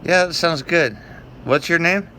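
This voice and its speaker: A man's voice: on the high side, measured pace, noisy background. A man chatting casually on a phone call, rambling and answering evasively as he plays along. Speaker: prank caller baiting telemarketers.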